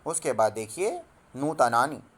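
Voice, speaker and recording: A male teacher giving a screen-recorded school lesson, reading lines slowly and deliberately, translating each one and spelling words out piece by piece. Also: mid-range voice, big pitch swings, slightly rough. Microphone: phone screen recorder.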